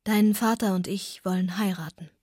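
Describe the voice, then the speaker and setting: A woman reading the lines of a composed grown woman who speaks quietly and gently. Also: mid-range voice, fairly even intonation, dry recording, studio quality, natural voice. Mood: hesitant. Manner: quiet, soft and slow.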